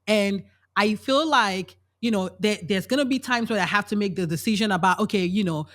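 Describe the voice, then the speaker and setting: A woman's voice: mid-range voice, fairly quick, fairly bright tone. A woman hosting a faith-based podcast, speaking in an affirming, reflective way and thinking aloud. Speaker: podcast host.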